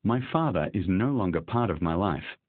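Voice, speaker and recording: Earnest young billionaire husband, read by a man in a low, husky voice; dry, phone-thin sound. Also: expressive, moderate pace, dry recording, phone-quality sound.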